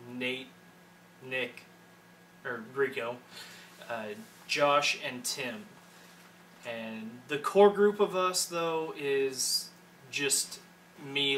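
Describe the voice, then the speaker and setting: Man, twenties, bright tone, rambling casual intro, mic set a bit far off with faint hiss. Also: medium pitch. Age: 20s. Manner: rambling, self-correcting. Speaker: channel editor and online manager. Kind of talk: casual self-introduction to camera.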